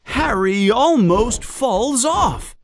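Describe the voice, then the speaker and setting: A man narrating a simple storybook for learners in a very slow, expressive reading. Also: extremely high pitch, vocal fry, slight background noise.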